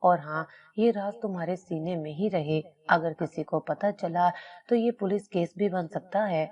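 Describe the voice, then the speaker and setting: A woman's voice: on the low side, a little mellow, natural voice. Woman reading a stern lady doctor. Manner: stern, warning. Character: stern female neighborhood doctor.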